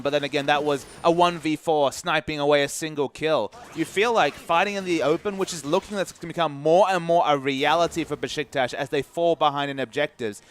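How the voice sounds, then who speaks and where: Male esports caster, analytical reads, slightly raised pitch, light arena ambience. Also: a little hiss or hum. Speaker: esports commentator. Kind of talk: play-by-play esports commentary.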